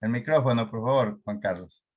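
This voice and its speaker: A man's voice: mid-range voice, moderate pace, lo-fi sound. Male host of an online talk show. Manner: formal, stumbling over names.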